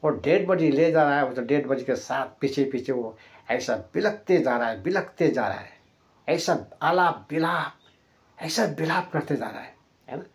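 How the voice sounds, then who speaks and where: A man's voice: fairly high pitch, expressive, moderate pace. A man preaching a sermon, retelling a story vividly with repeated phrases and constant tag questions to his listeners. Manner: repetitive, emphatic phrasing.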